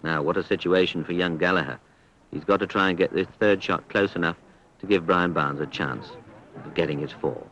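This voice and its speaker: A man giving measured, understated golf commentary on a 1970s archive sports broadcast. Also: sits low, a bit bright, dull audio. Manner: understated, measured descriptions with appreciative exclamations.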